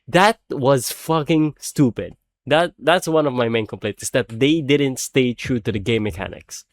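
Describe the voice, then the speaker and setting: A man speaking English as a second language gives a casual, swear-filled rant, laughing as he goes. His voice sits at a medium pitch. It is close-miked in a dead, dry room with no echo. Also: a little slow. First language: not English. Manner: animated, swears often, laughs while talking. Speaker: video creator reviewing a film.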